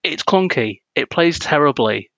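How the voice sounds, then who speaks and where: Gaming-podcast co-host, young man, bright forceful tone, dry close sound, rants and jokes. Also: fairly high pitch, lively intonation, measured pace, no echo, highs cut off. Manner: ranting, self-deprecating, laughs often. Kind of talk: casual gaming podcast chat.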